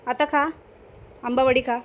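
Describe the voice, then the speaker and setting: A mother in a casual home vlog asks her toddler question after question in a coaxing, sing-song way. Her voice sits high and unhurried, with a light hiss of noise behind it. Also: little pitch movement. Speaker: vlogger and mother.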